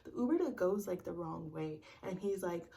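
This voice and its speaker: A woman's voice: fairly low pitch, expressive, normal speed, creaky, dark tone. A young woman vlogger telling a personal story in casual chat, candid and profane, acting out exasperated quotes of herself and others.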